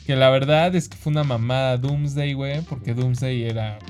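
A Mexican man telling a story in a relaxed podcast chat. His speech is full of slang, and he keeps dropping "güey". He keeps acting out what other people said at a middling, average pitch. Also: normal speed, faint music behind. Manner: animated storyteller, acts out quoted voices, slangy, says güey constantly. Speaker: podcast co-host. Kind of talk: casual chat.

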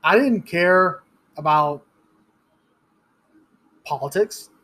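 A man's voice: high-pitched, drawn-out words, sharp tone. A man in his thirties hosting a solo podcast, ranting bluntly and profanely with frequent restarts and stumbles. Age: 30s. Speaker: podcast host.

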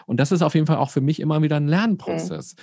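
A man, a resilience expert and podcast guest, explains calmly and sometimes acts out the inner voices he describes. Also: a little high, very fast, breathy edge, dry recording, studio quality. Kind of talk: conversational podcast interview.

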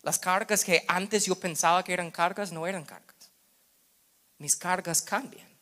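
A man in his thirties preaching a sermon as pastor, slipping English words into his Spanish and swinging between loud bursts and hushed asides. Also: high voice, steady tone, measured pace.

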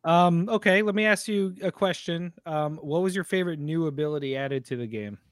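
A man's voice: fairly high pitch, a little fast, no room sound, studio quality. A young man on a casual podcast, chatting eagerly and asking his co-hosts questions. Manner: enthusiastic, asks questions. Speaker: podcast co-host. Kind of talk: casual chat.

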